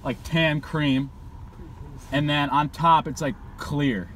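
A man's voice: on the high side, fairly even intonation, slow pace, fairly bright tone, slight background noise, poor audio. A young man ordering casually from inside a car, hesitant, repetitive and vague. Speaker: prankster customer ordering from a car. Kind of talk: casual, stalling back-and-forth. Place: inside a parked car at a drive-thru. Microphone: camera on the passenger side.

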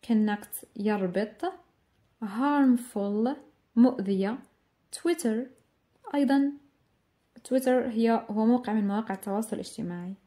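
A woman teaching English, explaining an exam review patiently and step by step, repeating words slowly. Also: fairly high pitch, dark tone.

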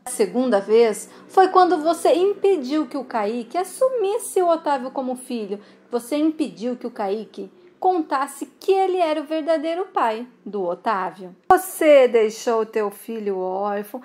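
A woman's voice: high voice, a little mellow. A woman voicing a smug, cruel villainous man who taunts in a sing-song way. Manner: sing-song, sneering, keeps calling her sweetheart.

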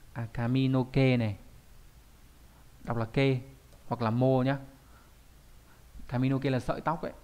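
A man's voice: medium pitch, a little mellow. A man teaching kanji in an online video lesson, talking casually and often asking rhetorical questions and tag questions.

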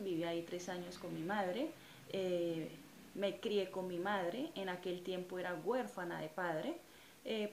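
A Colombian woman in her thirties giving a personal religious testimony to camera, earnest and reflective, with frequent hesitant fillers. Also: lowish voice. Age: 30s. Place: small indoor room in front of a curtain. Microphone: camera or phone at close range. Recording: echoey room with faint ambient noise.

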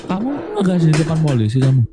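A young man playing a police officer in a roleplay game, scolding and exasperated, stressing his words slowly. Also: fairly high pitch, lively intonation, a crowd in the background. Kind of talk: GTA roleplay banter.

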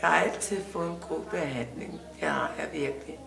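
An older woman with a gravelly, rough-edged voice recorded indoors at home. Her speech is slow and plain, and her words carry an audible echo from the room. A murmur of other voices sits clearly behind her. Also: low voice, crowd noise. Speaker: resident. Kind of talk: vox pop interview.

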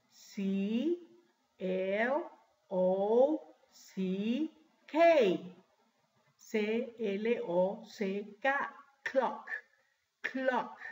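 A woman teaching English to children, talking slowly and carefully drawing out the English words she models. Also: on the high side. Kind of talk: recorded classroom lesson. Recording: echoey room.

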